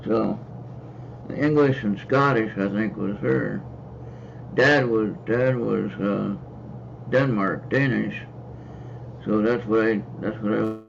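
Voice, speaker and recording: A man's voice: on the low side, creaky, a little hiss or hum. An American man hosting a casual livestream card reading, talking in a rambling way with hesitant fillers and repeats. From United States. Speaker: host and card reader. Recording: slightly dull lo-fi stream audio.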